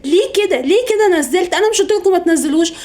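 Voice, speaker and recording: A woman's voice: extremely high pitch, expressive, rapid-fire. A woman with an Egyptian Arabic accent voicing a fussy, superstitious middle-aged mother in a comedy sketch, scolding and gossiping. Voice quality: scolding, then hushed gossipy phone chatter.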